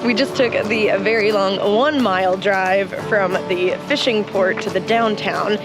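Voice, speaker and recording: A woman's voice: medium pitch, a little slow, rough recording. A woman hosting a travel vlog, chatting casually to the camera in a playful, tongue-in-cheek way. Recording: music over outdoor vlog sound. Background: music.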